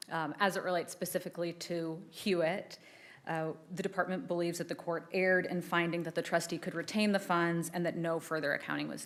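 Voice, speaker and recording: Low-voiced woman arguing in court. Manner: measured, formal, answers questions with some restarts. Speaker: assistant attorney general arguing an appeal. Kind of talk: courtroom oral argument.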